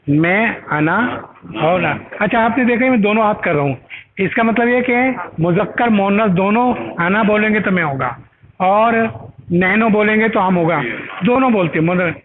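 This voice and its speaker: A man teaching an Arabic grammar class, patiently repeating each word with its meaning and asking learners to say it aloud. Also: high voice. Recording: tinny phone-like recording with loud noise.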